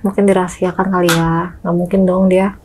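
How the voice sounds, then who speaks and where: A woman's voice: lowish voice, a little fast, a little hiss or hum, low-quality recording. A young woman, casually telling a true ghost story as a guest, acting out knocks and voices. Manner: lively, acts out knocks and voices.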